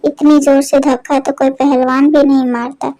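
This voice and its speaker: A woman's voice: sits high, little pitch movement, normal speed, warm tone, natural voice, rough recording. A woman voicing a sly, greedy male village thief who wheedles and pleads in a storybook tale. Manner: wheedling, pleading when caught.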